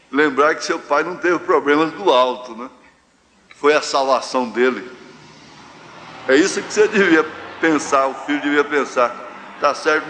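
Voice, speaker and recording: A Brazilian pastor preaching a live sermon, telling homespun stories with slow, drawn-out phrases. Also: male voice, on the high side, fairly bright tone, a little hiss or hum. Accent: Brazilian Portuguese, central-west. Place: large church hall. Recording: live church hall reverb, faint ambience.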